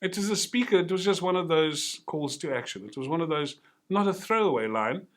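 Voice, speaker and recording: A man's voice: fairly high pitch, animated, brisk. A man giving an earnest, encouraging motivational talk to teachers and telling stories along the way. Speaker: motivational speaker.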